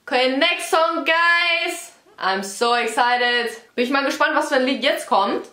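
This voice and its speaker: A woman hosting a reaction video, gushing excitedly and dropping English exclamations into her talk. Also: sits high, a little slow. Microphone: headphones on, desk mic. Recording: roomy echo with faint music behind.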